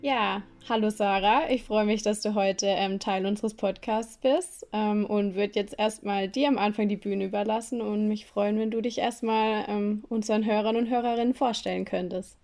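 A woman hosting a podcast, asking questions with halting speech and many fillers. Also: medium pitch, fairly even intonation, darkish tone, soft background music. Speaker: podcast host. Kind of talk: casual interview.

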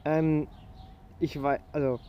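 A man's voice: fairly high pitch, little pitch movement, slow pace, muffled recording, a little hiss or hum. A man in a casual study discussion, talking hesitantly with many fillers and restarts. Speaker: student discussing a historical document.

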